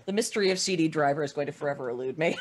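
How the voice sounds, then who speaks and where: A man's voice: on the high side, very fast, background noise. A man talking casually as a player in a tabletop game. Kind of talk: casual chat.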